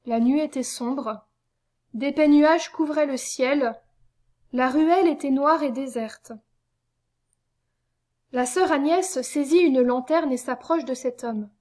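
A woman reading a story aloud in measured, solemn narration. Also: high voice, a little mellow. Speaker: reader. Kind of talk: audiobook narration.

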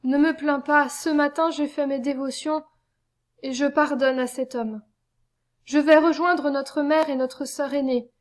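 A woman voicing a dying young male soldier, gentle and devout, speaking faintly. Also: sits high, steady tone. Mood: tender. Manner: faint, fading, slowing speech.

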